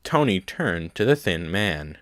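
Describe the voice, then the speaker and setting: A man narrates a science-fiction novel in a very low voice. The sound is dry and close to the mic, and his reading is steady and measured. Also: no echo. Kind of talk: scripted audiobook narration.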